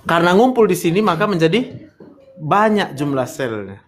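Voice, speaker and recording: A man's voice: a little high, big pitch swings, normal speed. A man teaches a medical class, firing blunt questions and teasing his students between points. His voice carries the echo of a hard-walled classroom, with a faint hum of room noise behind him. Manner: quizzing students, joking, brash direct address. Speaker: medical lecturer. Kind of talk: classroom lecture.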